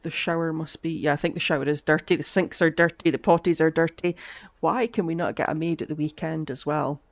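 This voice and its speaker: With a low-pitched voice and fairly even intonation, a game streamer talks briskly through casual gameplay commentary. She thinks aloud with soft asides, her voice cutting out from a lingering cough, and there's no echo.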